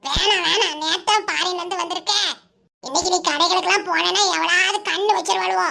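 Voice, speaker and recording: A woman's voice: very high voice, steady tone, a little fast, creaky, bright, forceful tone, exaggerated voice. A woman voicing a fussy, protective older village mother who scolds and nags, with a Kanyakumari Tamil accent. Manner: scolding, nagging.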